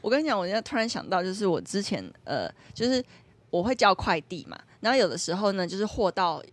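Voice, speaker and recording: A woman co-hosting a casual chat, answering with quick, short replies between her own stories. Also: mid-range voice, big pitch swings, dry recording. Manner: conversational, quick back-channel replies. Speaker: podcast co-host.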